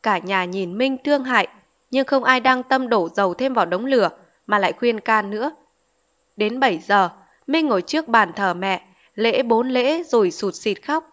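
A woman reading a novel aloud as an audiobook narrator, in steady storytelling. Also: fairly high pitch, normal speed.

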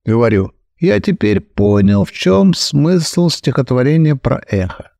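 A man reading an audiobook aloud with lively, ironic storytelling. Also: a little high, measured pace, vocal fry, no room sound, studio quality. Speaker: audiobook reader. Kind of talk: expressive audiobook narration.

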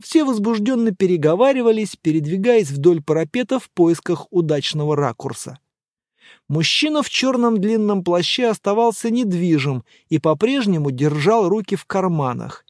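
A narrator reading a dramatic audiobook in an expressive way. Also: medium pitch, dry recording, studio quality.

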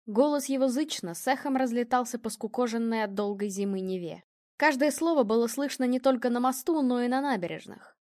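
A woman narrating an audiobook in an expressive storytelling manner. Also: on the high side, brisk, no room sound, clean studio sound. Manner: expressive storytelling, voicing characters.

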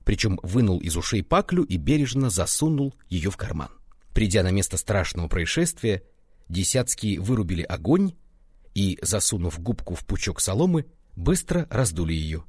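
A man reading a folk tale aloud as audiobook narration, including its footnotes, in an animated way. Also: deep voice, moderate pace, slightly rough, no room sound, studio quality. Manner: animated, reads notes aloud. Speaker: audiobook reader. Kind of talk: expressive scripted narration.

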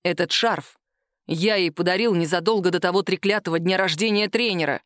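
A woman's voice: fairly low pitch, a little fast, a bit bright, no echo, studio quality, lightly acted. A woman voicing an agitated young man who speaks in abrupt, tense exclamations, in an audiobook. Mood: shaken, low.

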